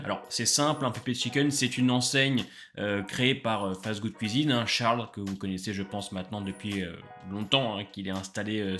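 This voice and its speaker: A man's voice: lowish voice, pushed and bright. A young man hosting a casual food review vlog, enthusiastic and full of hesitant fillers. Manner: enthusiastic, many filler "euh"s. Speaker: food vlogger.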